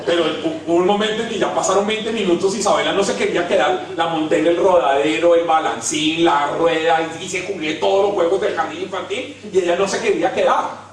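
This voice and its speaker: A Colombian preacher with a high voice tells funny stories about himself, dropping to a hush and then rising again. He sounds far from the mic in a very echoey hall. Faint noise sits under the recording. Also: steady tone, brisk. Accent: Colombian Spanish. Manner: storytelling, self-mocking, swings from hushed to loud. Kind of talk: humorous sermon. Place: large hall.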